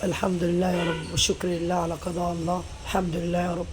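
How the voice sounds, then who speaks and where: Egyptian woman, middle-aged mother, quick talk, weary venting, pious phrases, faint room noise. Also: fairly low pitch, monotone. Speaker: mother and home vlogger. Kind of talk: casual confiding vlog talk.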